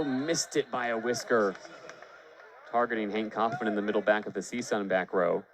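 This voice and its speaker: A male radio play-by-play announcer calls live baseball and volleyball, fluent and descriptive, raising his voice on big plays. His pitch is medium, and there is a little hiss or hum.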